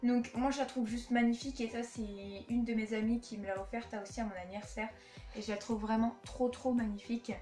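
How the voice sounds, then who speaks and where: Casting: young woman, fairly high voice, rambling home vlog, echoey room, soft music under. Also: flat delivery, brisk. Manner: chatty, with many fillers and restarts. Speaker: vlogger showing her collection. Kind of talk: casual chat. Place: her room at home, indoors.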